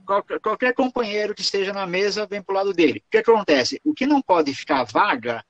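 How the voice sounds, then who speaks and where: A man's voice: sits high, lively intonation, fairly quick, no room sound, lo-fi sound. A man with a Brazilian accent gives a lecture on protocol and answers questions, explaining patiently and tagging his phrases with "tá?" and "né?". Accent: Brazilian Portuguese. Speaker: lecturer on Lions Club protocol.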